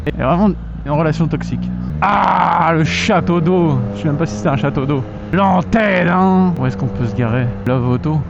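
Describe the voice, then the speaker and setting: A man's voice: on the high side, moderate pace, vocal fry. A young man, a moto vlogger, riding outdoors and chatting casually to himself, slangy, joking and swearing a lot. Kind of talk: casual vlog commentary while riding. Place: outdoors on a motorbike in traffic. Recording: muffled helmet mic with loud wind and traffic noise.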